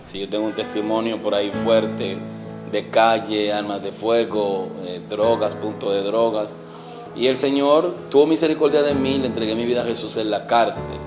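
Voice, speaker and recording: This is a testimony interview with an evangelist guest, a Dominican man in his forties speaking Dominican Spanish over music. His fairly low voice keeps a fairly even intonation, earnest but halting, full of fillers and pauses, often fading out softly.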